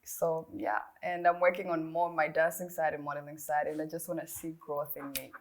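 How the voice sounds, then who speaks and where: A woman's voice: sits low, flat delivery, fairly quick. A woman from Rwanda, a dancer and model, introducing herself in a friendly, plain-spoken way.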